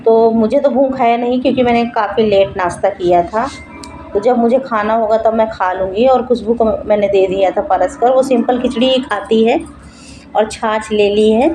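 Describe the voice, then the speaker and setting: A woman's voice: fairly high pitch, normal speed, warm tone, a little hiss or hum, low-quality recording. Chatty middle-aged woman narrating home chores. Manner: chatty, homely running commentary on chores. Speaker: home cooking vlogger and mother. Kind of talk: casual vlog narration. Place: home kitchen.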